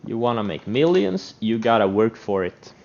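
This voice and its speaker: A man's voice: lowish voice, big pitch swings, moderate pace, creaky, a little mellow. Emphatisch rantende man, doffe lo-fi opname. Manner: emphatic, repetitive, blunt and profane. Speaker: stock trader giving trading advice. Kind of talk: unscripted motivational trading rant. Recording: dull, lo-fi microphone sound.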